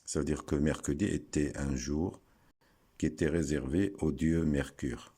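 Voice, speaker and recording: A man giving a slow, deliberate lesson, breaking words into syllables and pausing often. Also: extremely low pitch, steady tone, dark tone, slightly rough. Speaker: teacher explaining word origins.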